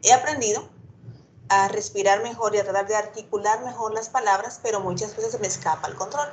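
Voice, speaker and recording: A woman's voice: mid-range voice, fairly even intonation, fairly quick, slight background noise, poor audio. A woman taking part in an online workshop, asking questions hesitantly and restarting her sentences. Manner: hesitant, restarts, self-conscious. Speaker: workshop participant. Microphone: video call.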